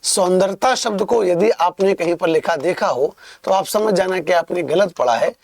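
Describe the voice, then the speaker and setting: Gravelly-voiced male teacher. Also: sits high, normal speed, a little mellow, dry recording. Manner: explains patiently, repeats key points, calls students "pyare bachchon". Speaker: Hindi exam-prep teacher. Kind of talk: online exam-prep lesson.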